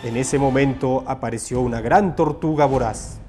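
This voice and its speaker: A man reading a children's storybook aloud in an expressive, theatrical way. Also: medium pitch, normal speed, soft background music.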